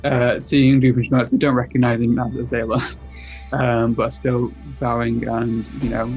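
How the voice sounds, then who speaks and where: Flat-voiced man running a tabletop game. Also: mid-range voice, moderate pace, lo-fi sound, soft background music. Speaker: game master.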